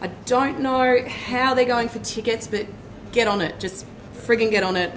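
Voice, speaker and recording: A woman's voice: a little high, a little hiss or hum, rough recording. An Australian woman co-hosting a live pub chat show, racing through a gig guide until she is out of breath. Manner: rapid, breathless list reading. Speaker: co-host reading the gig guide. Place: pub venue.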